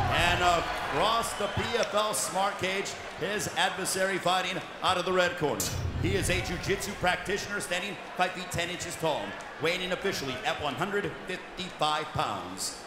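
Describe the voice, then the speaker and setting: A man working as a cage announcer, bellowing theatrical fighter introductions with drawn-out names, in the showy manner of a lucha libre announcer. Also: high voice, sing-song, a loud crowd. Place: large indoor arena, inside the cage. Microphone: handheld microphone. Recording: echoey arena PA with loud noise.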